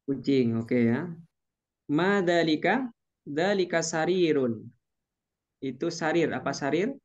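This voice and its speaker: A man's voice: on the high side, animated, takes it slowly, highs cut off. A man teaching an online Arabic class, patiently drawing out each Arabic phrase.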